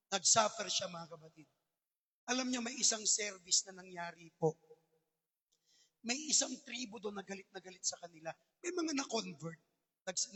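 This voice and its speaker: A man's voice: sits high, pushed and bright, slightly rough. A man from the Philippines preaching a sermon as pastor, telling a story and often calling the church brothers and sisters while mixing in English words. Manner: mixes English words into his talk. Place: church sanctuary. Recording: long church hall reverb.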